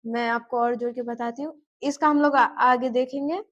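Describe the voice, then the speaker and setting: A woman teaching a beginner lesson on writing, who patiently repeats each sound, slows down to spell it out and keeps checking that the learner follows. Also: on the high side, steady tone, fairly bright tone, dull audio, a little hiss or hum. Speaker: Urdu teacher.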